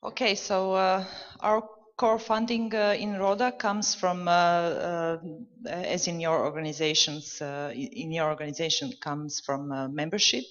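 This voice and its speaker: A panelist from a parents' organization answers a question at a conference panel, sounding hesitant and using many fillers. Her voice is on the low side and steady, a little slow with hardly any pauses, captured in a dull, reverberant hall recording.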